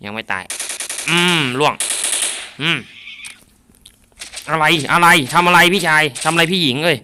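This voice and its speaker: A man chats and jokes his way through a mobile zombie shooter, now and then yelling mock battle cries. His voice sits a little high and sounds bright and forceful. A faint hiss and tapping clicks run under the close mic. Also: expressive, unhurried. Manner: jokey, shouts and mock samurai lines mid-play. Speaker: mobile game streamer. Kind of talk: playful gameplay commentary.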